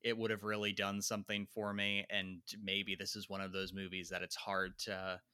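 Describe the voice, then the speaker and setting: A man with a faint New Jersey accent talks over a film in a casual podcast chat. His voice is bright and fairly low, and he hedges and repeats words as he works out his thoughts. The sound is dry and close. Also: completely flat delivery, moderate pace, smooth, no room sound. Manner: thoughtful, hedging, repeats words while thinking. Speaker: podcast co-host.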